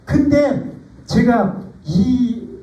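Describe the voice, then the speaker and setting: A middle-aged male pastor preaching a sermon, telling his own story in a conversational, animated way. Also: very high voice, very slow, highs cut off. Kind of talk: sermon with personal testimony. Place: church sanctuary. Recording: echoey church hall, mic at a distance.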